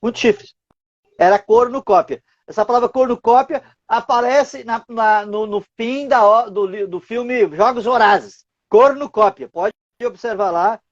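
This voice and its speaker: A man's voice: very high voice, measured pace, no echo, dull audio. A man, a writer and teacher, explaining word origins as a guest on a live stream, posing rhetorical questions as he goes. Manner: didactic, asks rhetorical questions.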